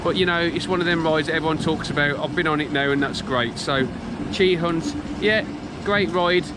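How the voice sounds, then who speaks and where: A man giving a casual, rambling ride review as a theme park vlogger, hesitant and matter-of-fact. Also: a little fast. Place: outdoors in a theme park beside a coaster. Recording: noisy outdoor park with ride rumble.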